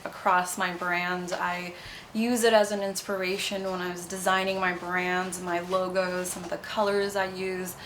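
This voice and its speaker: A woman's voice: fairly low pitch, level tone, unhurried, a bit bright, slight background noise, rough recording. Chatty young woman founder, bubbly. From Nepal. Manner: bubbly, chatty, fond of fillers like "you know". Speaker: cosmetics brand founder. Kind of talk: casual interview answers.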